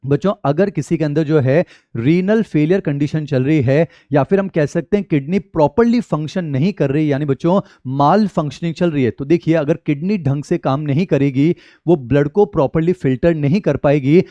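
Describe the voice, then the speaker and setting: An Indian man delivers an exam-prep biology lecture in a mellow, slightly high voice. He keeps calling his students children as he blends Hindi and English terms. The sound is dry and close, with no room echo. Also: normal speed, hardly any pauses, highs cut off. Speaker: biology teacher.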